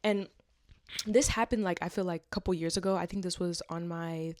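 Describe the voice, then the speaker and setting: A woman's voice: fairly low pitch, steady tone, a little fast, darkish tone, no room sound, studio quality. A woman in her twenties making a vlog. She reads a script, then rambles chattily with many fillers and tag questions. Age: 20s. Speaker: vlogger. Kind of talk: scripted narration, then casual personal chat.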